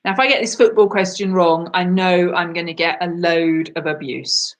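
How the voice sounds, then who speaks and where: Over a video call, a woman with a lowish voice runs an online quiz at a normal pace. She reads the answers aloud chattily, poking fun at herself and laughing along.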